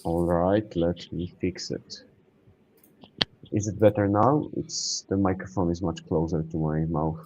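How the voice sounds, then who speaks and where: A man's voice: low voice, fairly even intonation, unhurried, background noise. A man hosting a casual online group chat, his voice muffled as if heard through a wall by a poorly set clip-on mic, speaking hesitantly with filler uhs. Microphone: wireless clip-on mic.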